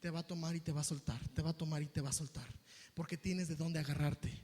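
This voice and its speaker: A man with a Mexican Spanish accent preaching a sermon as pastor, emphatic and swinging from hushed to loud. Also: on the high side, steady tone, quick pace. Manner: emphatic preaching that swings from hushed to shouted, acting out voices of others. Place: church sanctuary. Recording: long reverb of a church hall.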